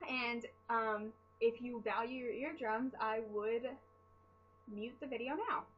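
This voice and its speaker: A woman's voice: a little high, fairly even intonation, takes it slowly, lo-fi sound, a little hiss or hum. Chatty rambling young woman, tired. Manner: chatty, rambling, self-deprecating. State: sleep-deprived. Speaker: vlogger answering fan questions. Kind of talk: casual chat.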